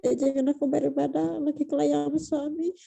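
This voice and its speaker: A man's voice: very high-pitched, little pitch movement, normal speed, creaky, mellow, pitched above the performer's own voice, exaggerated voice. A man voicing a fretful woman churchgoer who interrupts the preacher to complain about her husband.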